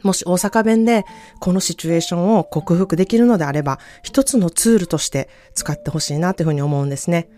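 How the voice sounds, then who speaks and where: A woman hosting a self-care podcast, speaking gently and encouragingly. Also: lowish voice, faint music behind. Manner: gentle, encouraging, repeats phrases slowly. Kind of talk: solo podcast talk.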